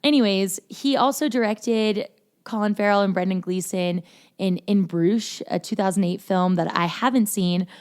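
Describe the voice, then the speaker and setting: Chatty woman with a smooth voice. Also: medium pitch, normal speed, a little mellow. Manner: chatty, filler-heavy, self-deprecating. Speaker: podcast host. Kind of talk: casual movie review podcast.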